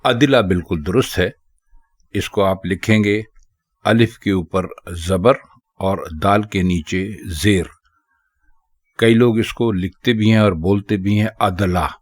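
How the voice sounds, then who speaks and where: A man teaching correct spelling and pronunciation, talking slowly and carefully and repeating each word several times. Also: lowish voice. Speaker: Urdu language teacher.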